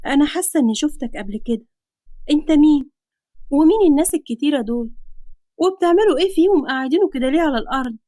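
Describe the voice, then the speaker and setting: A woman reads out a young Egyptian woman with a sharp, indignant tongue, pitched well above the narrator's own voice. She scolds loudly in a dry, close recording. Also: animated, fast talker, no room sound. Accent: Egyptian Arabic.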